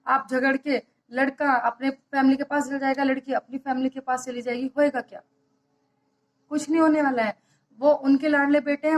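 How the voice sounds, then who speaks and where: A woman with a high, light voice speaks earnestly about marriage in a motivational talk. She keeps asking her listeners questions and circles back to the same points to drive them home. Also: poor audio.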